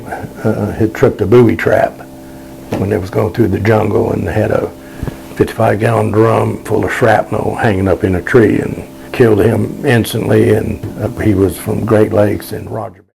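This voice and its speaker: An older man who served in Vietnam, interviewed about it, rambles casually through his memories, repeating words in plain folksy speech. His fairly low voice is gravelly and warm, and the poor recording carries a faint hiss or hum.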